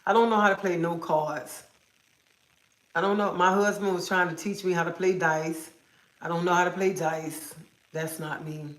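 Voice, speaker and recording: Indoors at home, a woman runs a casual livestream while feeling unwell, like a cold is on its way, and keeps rambling and repeating things. Her pitch is fairly low, her intonation fairly even, her pace moderate. The recording has room echo.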